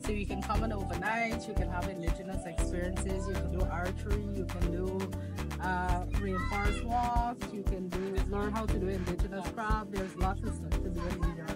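Brief: woman, informative guide, mid-pitched, music bed behind. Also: fairly even intonation, normal speed. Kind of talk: casual explaining. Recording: background music under speech.

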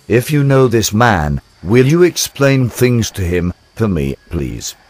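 A man's voice: on the low side, very animated, takes it slowly, darkish tone. An older man, narrating his travel video in a chatty, wry, self-deprecating way.

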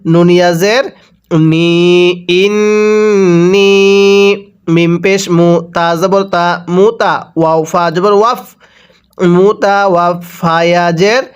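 Bangladeshi Bengali man teaching Quran reading, spells syllables, high smooth voice. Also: steady tone, dull audio. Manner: spells syllables one by one, then chants the joined words slowly. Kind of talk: slow spelled-out recitation lesson.

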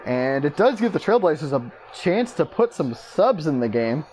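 Male gaming creator with a high voice, casting as a play-by-play sportscaster, brisk clipped calls, excitable on big moments. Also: slight background noise. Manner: excitable, voice jumps up on big plays. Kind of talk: mock play-by-play basketball commentary.

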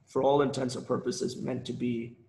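A man's voice: medium pitch, little pitch movement, normal speed, vocal fry, a little mellow. A man presenting on a live webinar, losing his voice, rambling with frequent restarts and repeated words. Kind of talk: casual live webinar talk. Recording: roomy echoey sound.

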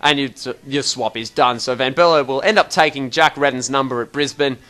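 Here the young Australian gaming host talks a little fast, his mid-range voice pushed, bright, and smooth. He chats through a game menu in a loose, rambling way, mildly exasperated throughout.

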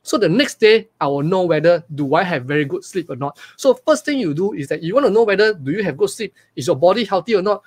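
A man in his forties with a Malaysian English accent, giving a live webinar from a small room over a webcam and talking in an energetic, repetitive way with lots of questions to the audience. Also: sits high, quick pace, hardly any pauses, breathy edge. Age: 40s. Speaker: online business coach. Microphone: webcam on a video call.

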